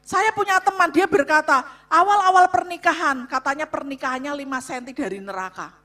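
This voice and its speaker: A woman speaking to a church congregation about marriage, loud and emphatic, often turning to address the audience. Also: sits high, a little fast. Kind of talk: sermon-style talk to a congregation.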